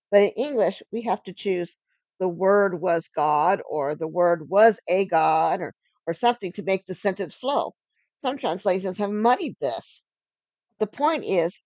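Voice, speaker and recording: Woman bible teacher, earnest and emphatic, slows down on key words, dry close sound. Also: medium pitch, mellow, dry recording. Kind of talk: teaching sermon.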